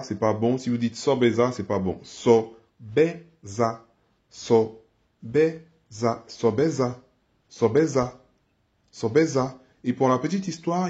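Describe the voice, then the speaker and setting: A man from Côte d'Ivoire leads a video language lesson, patient and steady, slowing down to repeat each phrase several times so learners can follow. His mid-pitched voice comes through a slightly dull, lo-fi recording. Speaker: language teacher.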